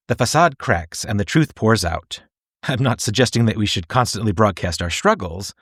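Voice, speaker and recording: Low-pitched man narrating a scripted video essay. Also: a bit bright, no echo, studio quality. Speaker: film reviewer and narrator.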